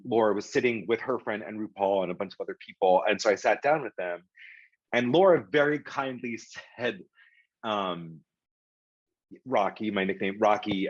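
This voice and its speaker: A man's voice: on the low side, no echo, dull audio. A middle-aged man telling stories as an interview guest, rambling with lots of fillers and restarts. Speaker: guest, publishing executive. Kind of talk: casual storytelling in an interview.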